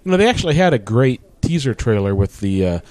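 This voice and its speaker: A man in a casual movie commentary, telling a memory in a halting way full of restarts. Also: mid-range voice, very animated, a little mellow. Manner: halting storyteller, many fillers and restarts. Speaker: podcast co-host.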